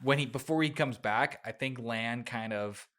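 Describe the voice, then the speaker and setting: A young adult man hosting a casual book podcast, chatty and loose, laughing often, his throat dry so he keeps clearing it. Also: mid-range voice, normal speed, a bit bright. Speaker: podcast host.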